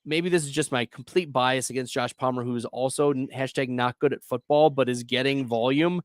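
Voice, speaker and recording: A man hosting a casual fantasy football advice chat, upbeat and quick to laugh. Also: mid-range voice, no room sound, clean studio sound. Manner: chatty, upbeat, laughs easily. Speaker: fantasy football show host.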